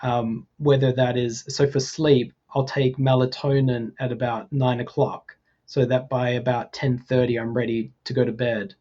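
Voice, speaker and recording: A man's voice: mid-range voice, level tone, moderate pace, mellow, highs cut off. A man of forty from Australia, talking casually as a podcast guest, thoughtful and hesitant with many ums and restarts. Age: 40s. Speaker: guest, VFX artist.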